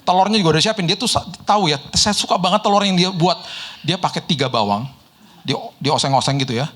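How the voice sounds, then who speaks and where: A middle-aged male pastor, his voice sitting a little higher than most men's. He preaches in a lively storytelling way, slipping into other people's voices and chuckling as he goes. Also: a little fast. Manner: lively storyteller, mimics people in quotes, laughs often. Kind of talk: sermon with personal anecdotes.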